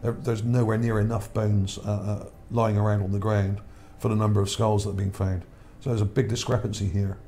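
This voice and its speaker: This guy's low, warm voice has little pitch movement and is wearing out as he speaks a little fast with hardly any pauses. A channel host, he rambles over pics reading his article, repeating words and asking "okay?", with a bit of hiss.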